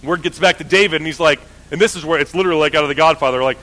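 A man's voice: fairly high pitch, very fast, pushed and bright, low-quality recording. A man teaching the Bible in a casual, conversational way, often correcting himself. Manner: conversational, self-correcting, many fillers.

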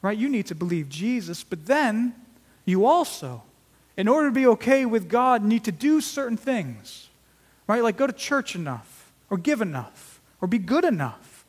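A man's voice: high-pitched, very animated, moderate pace, long reverb tail. A man preaching an earnest sermon as pastor, with emphatic rises in volume on key words.

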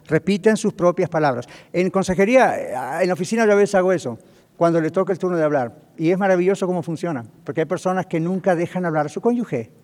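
A man's voice: high-pitched, darkish tone. A man preaching as a pastor on marriage communication, often checking in with his listeners and acting out quoted speech. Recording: long hall reverb.

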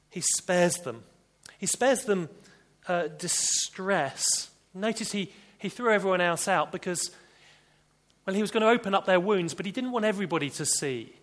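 A man preaching a sermon, earnest, with emphatic bursts that drop back to soft, deliberate phrases. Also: fairly high pitch.

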